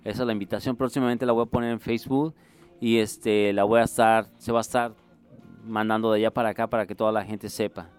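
Here a middle-aged music instructor and musician from Mexico City gives an earnest radio interview in his capital-city accent, pausing often with fillers and restarting sentences. He speaks in a fairly low, level voice that is clear, resonant and a bit mellow.

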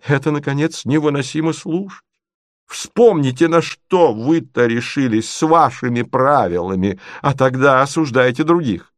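Man doing a furious jilted young gentleman. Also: mid-range voice, gravelly, dry recording, clean studio sound, close to an everyday voice. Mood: indignant. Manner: shouting, indignant, drawn-out outbursts.

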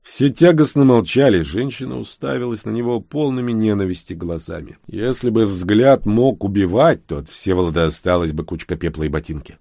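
A man narrating an audiobook in a steady, tense storytelling manner. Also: lowish voice, a little fast, vocal fry, few pauses, dry recording, studio quality. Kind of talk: scripted narration.

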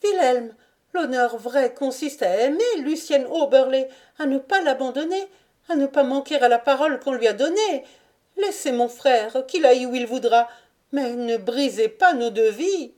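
A woman's voice: high voice, lively intonation, normal speed, a little mellow, voice pushed up. A woman voicing an impassioned young woman who pleads with her fiancé in an audiobook. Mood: pleading. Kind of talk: audiobook character reading.

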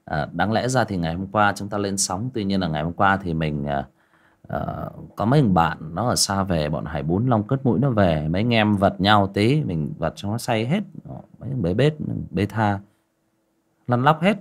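Lively low-voiced male storyteller. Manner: chatty, lively, drawn-out storytelling delivery. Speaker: storyteller and channel host. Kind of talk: livestreamed story narration.

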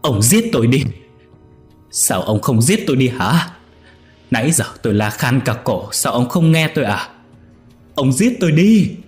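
A man voicing an older woman, a chief's bitter first wife, who screams in a shrill, hoarse voice. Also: very animated, unhurried, long pauses, darkish tone, faint music behind. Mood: screaming, furious.

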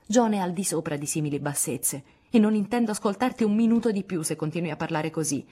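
A woman's voice: on the low side, lively intonation, fairly quick, dark tone, slightly rough. A woman voicing a proud, resolute young woman, speaking firmly and with indignation in an audiobook. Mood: indignant. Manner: indignant, firm, spirited. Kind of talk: audiobook dialogue reading.

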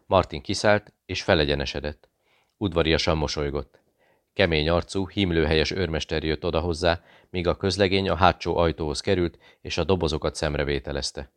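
Deep-voiced male audiobook narrator. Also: dry recording.

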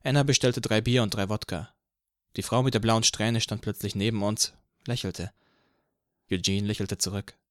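A man narrating an audiobook in the first person with an even, measured reading from a close studio mic. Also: fairly low pitch, no room sound.

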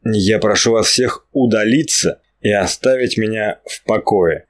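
A man voicing an irritable young gentleman who gives curt, commanding orders. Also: fairly low pitch, measured pace, lightly acted. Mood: cold.

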